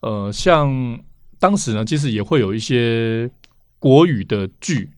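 A man's voice: medium pitch, expressive, unhurried, darkish tone, clear, resonant tone, no echo. A man with a Taiwanese Mandarin accent talks in a mid-range voice, recorded dry and close. He explains casually as an interview guest, often repeating a phrase before finishing the thought.

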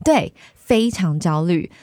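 A woman in her thirties with a Taiwanese Mandarin accent, a guest candidly telling her life story in a lively, animated way. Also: on the low side, slow, no room sound.

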